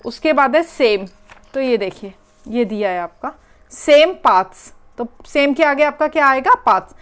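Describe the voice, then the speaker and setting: A woman's voice: sits high, lively intonation, measured pace, fairly bright tone, clean tone. A woman teacher, working through an exam paper step by step and repeating the key words. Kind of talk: exam paper walkthrough lesson.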